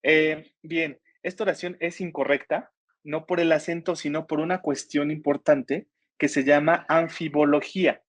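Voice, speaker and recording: A man's voice: fairly high pitch, fairly even intonation, normal speed, no echo. A man teaching an online writing workshop, patiently explaining grammar step by step and asking his students questions. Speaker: workshop instructor.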